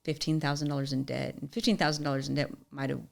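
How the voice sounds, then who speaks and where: A young woman telling a personal story as a podcast guest, animated and chatty, leaning on "like" a lot. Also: deep voice, fast talker, gravelly. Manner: animated storyteller, often says "like". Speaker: podcast guest, musician and entrepreneur. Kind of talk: storytelling in casual interview.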